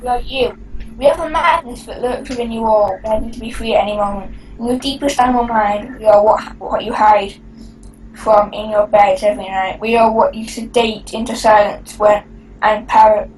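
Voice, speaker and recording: A woman voicing an eerie, calm male test subject in a casual reading, halting and stumbling over words. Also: medium pitch, roomy sound, recorded from a distance, a little hiss or hum, close to an everyday voice, low-quality recording. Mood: ominous.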